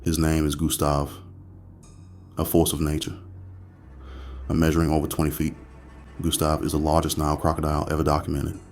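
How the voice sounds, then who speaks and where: A man with an extremely low voice narrates in a nature documentary manner. He keeps a fairly even tone, phrasing slowly and pausing for ominous effect. Soft music runs underneath. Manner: ominous, slow phrasing with dramatic pauses.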